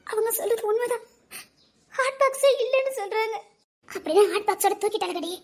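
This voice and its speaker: A woman's voice: very high-pitched, brisk. A woman playing a devoted working wife who earnestly protests and tearfully pleads in a web drama. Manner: earnest, pleading protests, sobbing through laughter.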